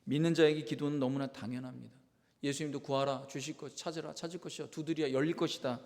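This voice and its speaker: A male pastor preaching a sermon, moving between quiet reflective asides and loud, impassioned cries. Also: on the high side, fairly even intonation, fast talker. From South Korea. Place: church sanctuary. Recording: long hall reverb in a church.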